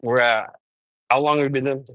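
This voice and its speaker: A man's voice: mid-range voice, a little fast, no echo, narrow, tinny audio. A man chatting casually on a live stream while walking on a treadmill, telling stories full of "bro" and "dude". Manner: animated storytelling, peppered with "bro" and "dude". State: sweating from exercise.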